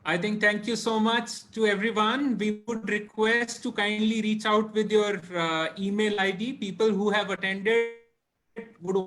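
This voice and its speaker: A man with an Indian English accent moderates a webinar over a video call, polite and formal as he hands over to speakers. His voice sits high for a man. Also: a bit bright. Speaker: webinar co-host.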